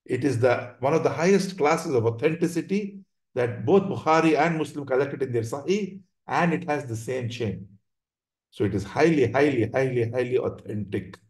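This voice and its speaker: A man of middle pitch gives an online religious lesson in a roomy, echoing space. He explains patiently, keeps checking that his listeners follow, and often breaks off to restart his sentences. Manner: explanatory, frequent check-ins with "right?" and "yeah?"; halting, with many restarts. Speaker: Islamic teacher. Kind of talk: online religious class with slides. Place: online video lesson, voice over slides. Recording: roomy echo.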